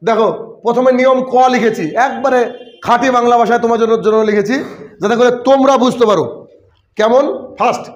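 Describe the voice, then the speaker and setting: A man with a Bangladeshi Bengali accent teaching an English spelling lesson in a very high-pitched voice. He repeats himself and keeps quizzing his students with short questions as he explains each rule. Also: fairly even intonation, fast talker, dull audio.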